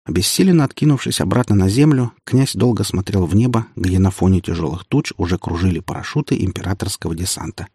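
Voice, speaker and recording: A man narrating a first-person fantasy audiobook in a steady, even storytelling manner on a close studio mic. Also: deep voice, quick pace, hardly any pauses, husky, no echo.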